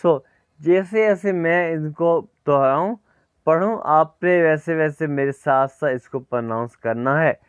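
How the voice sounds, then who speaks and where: A man teaching an online German lesson, drilling letters slowly for students to repeat and mixing in English phrases. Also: on the high side, clear, resonant tone, no room sound. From Pakistan.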